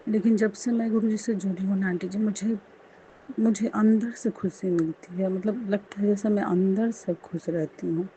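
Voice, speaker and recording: A woman shares a devotional testimony for the first time, speaking slowly and earnestly, then softly chanting a prayer. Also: mid-range voice, fairly even intonation, slight background noise, poor audio. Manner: slow, earnest, ending in soft chanting.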